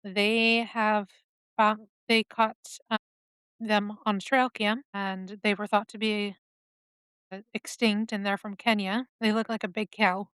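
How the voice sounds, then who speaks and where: A woman co-hosting a casual podcast, reading out news stories in a halting way with pauses and fillers. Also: medium pitch, flat delivery, a bit bright, clear, resonant tone, dry recording. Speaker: podcast co-host.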